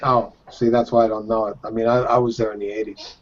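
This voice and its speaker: A man's voice: fairly low pitch, little pitch movement, fast. Rambling man reminiscing in lo-fi audio. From Boston area, Massachusetts. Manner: rambling, reminiscing, swears casually. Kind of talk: casual chat. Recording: dull lo-fi sound.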